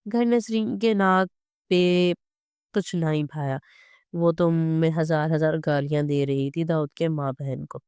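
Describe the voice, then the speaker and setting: Smooth, dry storybook narrator. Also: mid-range voice, steady tone, measured pace, darkish tone, no echo. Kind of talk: scripted narration of a novel.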